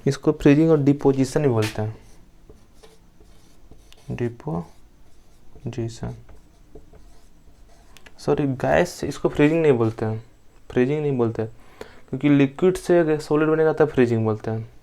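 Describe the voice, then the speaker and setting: A young man from India gives a science lesson at a middle pitch. He asks the class a question, waits a moment, then answers it himself. He says each key term twice so the students can write it down. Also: quick pace, mellow. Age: young adult. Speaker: teacher. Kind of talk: classroom lecture.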